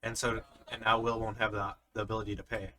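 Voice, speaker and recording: A man's voice: fairly low pitch, little pitch movement, fast, bright, forceful tone. A man giving live card game commentary, explaining the plays step by step in an analytical way. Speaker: tournament commentator.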